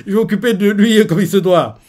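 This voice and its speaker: A man's voice: high voice, fairly quick, darkish tone, slight background noise, pitched above the performer's own voice, lightly acted. A man reading out a manga and voicing a flustered male section commander apologizing hastily. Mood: apologetic.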